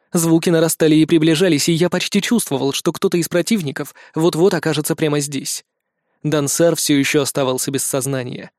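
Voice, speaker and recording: A man narrating a fantasy audiobook in the first person, steady and measured. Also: a little high, no room sound, studio quality.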